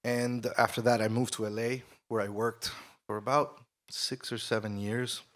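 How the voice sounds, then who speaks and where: A man's voice: mid-range voice, moderate pace. A man from Ecuador, a studio manager and engineer, speaking on a conference panel with frequent fillers and restarts. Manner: relaxed, with many fillers and restarts. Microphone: shared handheld mic.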